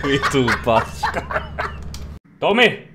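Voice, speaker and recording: A young man streaming a game with friends, panicking, shrieking and swearing nonstop. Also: medium pitch. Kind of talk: loud gaming banter. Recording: steady background noise.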